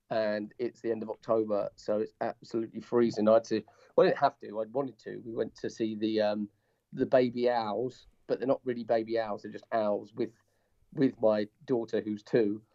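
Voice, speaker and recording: This podcast co-host is calling in on Skype while stuffed up with a head cold, so his lowish, mellow voice comes across muffled, as if through a wall. His delivery is flat and his speed normal, and he rambles through the casual chat, often correcting himself. The call audio is dull and lo-fi, with no echo.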